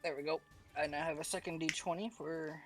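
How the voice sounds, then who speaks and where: A man's voice: fairly high pitch, fairly even intonation, fairly quick, music in the background. A man playing his character in a tabletop game, chatty and cheerful, a little scattered. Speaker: player.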